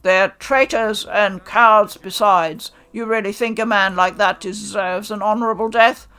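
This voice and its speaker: Woman doing a harsh samurai commander, contemptuous, slow, gravelly. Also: on the low side, full character voice. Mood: scornful. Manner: contemptuous, forceful scolding.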